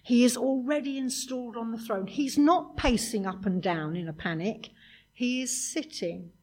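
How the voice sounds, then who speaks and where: Woman preacher, breathy, conversational sermon delivery. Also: a little high, moderate pace, darkish tone. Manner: conversational, with rhetorical questions.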